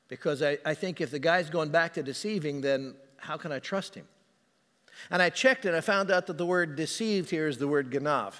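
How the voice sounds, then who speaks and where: Male preacher, conversational storytelling sermon, slightly high voice, hall reverb. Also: a bit bright. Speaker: pastor.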